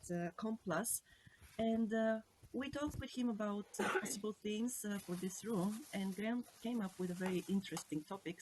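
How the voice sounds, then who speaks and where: A woman's voice: medium pitch, a little mellow, slight background noise, rough recording. Woman host opening a podcast. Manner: measured, with many hesitant fillers when introducing the guest. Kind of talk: podcast introduction.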